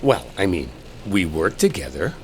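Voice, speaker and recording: In an enemies-to-lovers roleplay audio drama, a man plays an exasperated, sarcastic coworker who argues while driving, irritated and swearing with bitter exasperation. His voice sits low with big pitch swings at normal speed. Rain and car noise from a storm fill the background.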